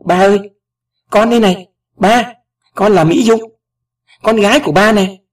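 A man's voice: mid-range voice, animated, a little fast, a little mellow, breathy edge. A man voicing a grown daughter who speaks in a choked, pleading, raised voice, recorded at a distance from the mic. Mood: crying out.

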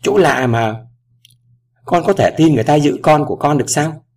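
A man's voice: a little high, animated, darkish tone, voice pushed up. A man playing a cautious older ambassador father. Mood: measured. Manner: measured, careful. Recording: voice distant from the mic.

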